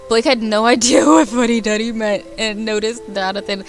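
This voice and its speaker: Background music accompanies a game streamer as she reads a visual novel aloud and chats in a playful, informal way. Her voice is fairly high-pitched and moves at a normal speed.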